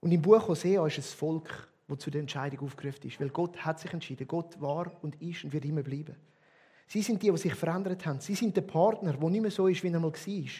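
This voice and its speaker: Swiss German man, pastor's sermon, high-pitched and husky, emphatic delivery. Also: fast talker. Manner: emphatic, swinging between loud stresses and quiet drops.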